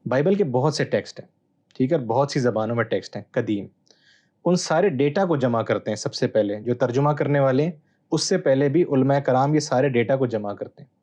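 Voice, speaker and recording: Man explaining scripture in a measured tone. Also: mid-range voice, lively intonation, darkish tone. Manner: measured, teacherly, pauses with "uh" fillers. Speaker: Bible scholar guest. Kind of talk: explanatory interview answer.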